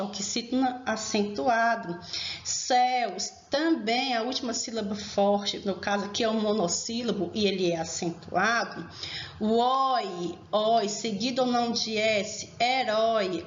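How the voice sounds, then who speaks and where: A fairly high-voiced woman teaches a grammar lesson, stressing each point slowly and turning to her students with questions. Her voice rings in a reverberant room, and the recording sounds muffled and lo-fi. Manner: slow, emphatic explaining, addresses students directly. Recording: echoey room, dull lo-fi sound.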